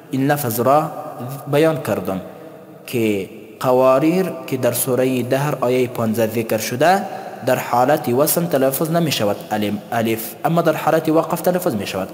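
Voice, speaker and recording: A man teaching a tajweed lesson. He explains slowly and chants the example words. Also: mid-range voice. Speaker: Quran recitation teacher. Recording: long hall reverb.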